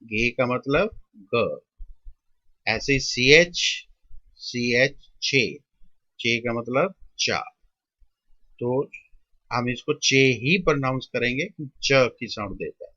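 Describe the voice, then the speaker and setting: A man teaching shorthand step by step, drawing out and repeating each sound with pauses, in an Indian Hindi-English mix. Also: medium pitch, animated, pushed and bright, no room sound, lo-fi sound. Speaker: shorthand tutor. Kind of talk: step-by-step classroom explanation.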